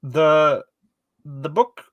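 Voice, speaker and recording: A man's voice: fairly high pitch, very slow, dry recording, dull audio. Podcast host, male, German accent, wry and rambling, dry close sound. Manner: rambling and wry, with many fillers. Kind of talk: casual book discussion.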